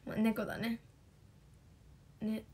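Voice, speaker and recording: A young woman with a Kansai accent, chatting excitedly on a livestream as an idol, reading fan comments. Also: on the high side, husky. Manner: chatty, excitable, quick bursts of enthusiasm.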